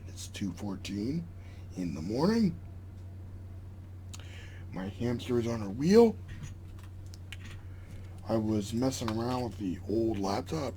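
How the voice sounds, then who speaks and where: A man's voice: fairly low pitch, lively intonation, slow pace, pauses often, warm tone. A young man rambling casually as a vlog host, with a slight retainer lisp and slur. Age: young adult. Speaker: video channel host. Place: small home room, indoors. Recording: clearly noisy room background.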